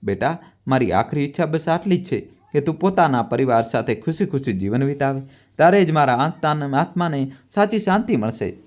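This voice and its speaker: A man's voice: fairly high pitch, animated, fairly quick, close to an everyday voice. A man reading the farewell letter of a dying old mother in a tender, pleading tone. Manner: tender, pleading, gently reproachful.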